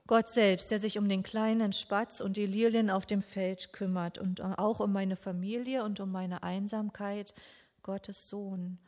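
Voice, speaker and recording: A woman giving a slow, meditative sermon in a grieving, questioning tone, with long pauses. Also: mid-range voice, steady tone, darkish tone. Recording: long echo of a large church hall.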